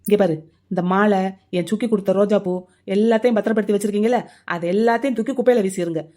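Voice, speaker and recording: A hot-headed young cartoon man who speaks bluntly and stubbornly, voiced with a slightly raised pitch. He argues in a heated, scolding way. His temper comes out in every line. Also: fast, darkish tone, lightly acted. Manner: angry, blunt.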